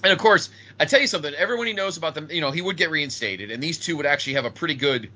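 A man hosts a casual wrestling fan podcast with an animated, widely moving voice. His tone is bright and punchy, his talk enthusiastic and unfiltered. The audio is a little dull and lo-fi. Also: a little high, very fast, slight background noise. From northeastern United States. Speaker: wrestling show podcast host. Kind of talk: casual chat commentary on retro wrestling.

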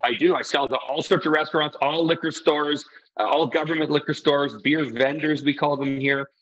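A man's voice: a little high, steady tone, moderate pace, a bit bright, slightly rough, lo-fi sound. A middle-aged man from Iceland who owns a restaurant and brewery, talking casually in an interview, rambling and earnest with many restarts.

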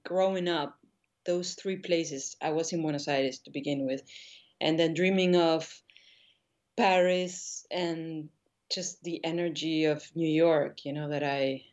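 A middle-aged Argentine painter speaks as a guest in a casual interview, thoughtful and hesitant, often restarting her sentences. Her voice is lowish and darkish, a little slow, on a muffled recording.

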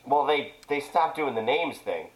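A woman's voice: very deep voice, animated. A woman co-hosting a casual podcast, joking and swearing, and her voice sounds tinny, like it is inside a tin can, because it was recorded on a camera microphone. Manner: laid-back, swearing, quick joking reactions. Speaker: podcast co-host. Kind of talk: casual chat. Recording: tinny camera-mic sound, slightly distant.

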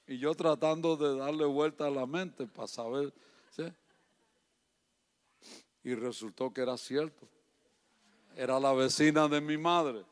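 A man preaching a sermon, moving between quiet personal stories and loud, impassioned appeals. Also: fairly high pitch. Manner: swings from soft storytelling to loud impassioned preaching.

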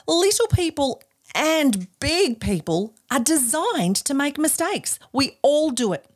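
A woman's voice: sits high, very animated, slow pace. Singsong Australian woman hosting for little kids. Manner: broad singsong children's theatre delivery, exaggerated and encouraging. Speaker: children's podcast host. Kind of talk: presenting for young children.

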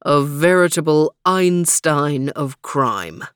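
Stout-hearted male sleuth, firm and defiant, a little deeper, voiced by a woman reader. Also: expressive, takes it slowly, clean tone, dry recording, studio quality. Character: bold male detective hero.

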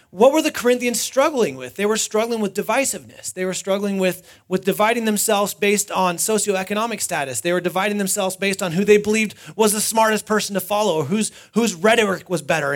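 Pastor, man with a high voice, conversational sermon at a pulpit microphone. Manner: conversational preaching with rhetorical questions.

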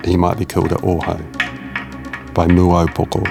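Low-voiced New narrator. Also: male voice, monotone, vocal fry. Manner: measured, dramatic storytelling. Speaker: documentary narrator and host. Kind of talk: scripted documentary narration. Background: soft music.

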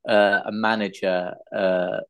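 Brief: male podcast guest, low voice, eager, halting, lots of ums and likes. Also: little pitch movement, smooth. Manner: enthusiastic, hesitant, many fillers. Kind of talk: casual chat.

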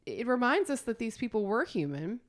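A woman hosting a casual interview, chatty and excitable with quick laughs. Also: fairly high pitch. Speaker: podcast host.

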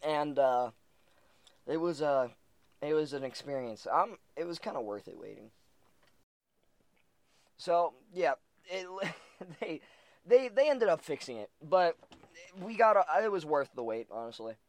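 A young man chats casually, swearing a lot and bursting into laughter as he animatedly tells stories. His voice is a little high and unhurried, with long pauses, on a dry recording.

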